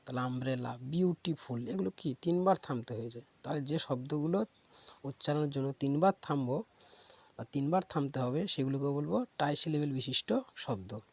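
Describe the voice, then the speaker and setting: Gravelly-voiced man teaching grammar. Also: medium pitch. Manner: explains step by step, asks and answers his own questions; repeats terms slowly to drill them. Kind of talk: classroom lecture.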